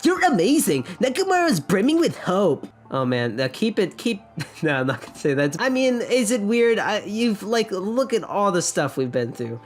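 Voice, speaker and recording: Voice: mid-range voice, big pitch swings, normal speed, soft background music. A streamer doing blind playthrough commentary, reading game dialogue aloud with sarcastic asides and laughs.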